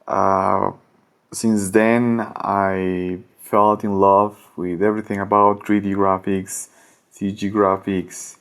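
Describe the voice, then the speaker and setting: A man's voice: low-pitched, flat delivery, slow, a bit bright. A man in his thirties from Ecuador, speaking English with an Ecuadorian Spanish accent as a podcast guest, hesitant and full of fillers. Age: 30s. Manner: hesitant, many fillers, searching for words. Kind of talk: podcast interview.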